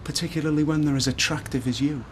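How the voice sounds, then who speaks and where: A man's voice: on the high side, fairly even intonation, fast, slight background noise, close to an everyday voice. An actor playing a stubborn, smug businessman in a television soap drama, defiant and flirtatious.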